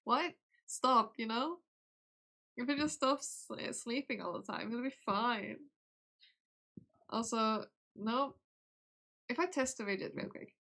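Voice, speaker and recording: Soft-reading woman streamer with giggly asides. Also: a little high, takes it slowly, vocal fry, pauses often. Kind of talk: reading game text aloud on a live stream.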